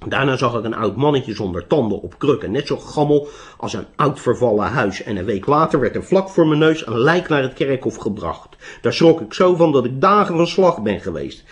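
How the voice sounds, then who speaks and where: A man's voice: medium pitch, very animated, normal speed, natural voice. A man voicing a polite, unsure young wandering monk who answers hesitantly. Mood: earnest.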